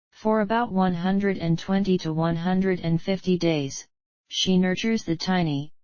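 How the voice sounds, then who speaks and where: A woman reading scripted nature documentary narration in a measured, earnest, formal way. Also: lowish voice, a little mellow, no echo, lo-fi sound.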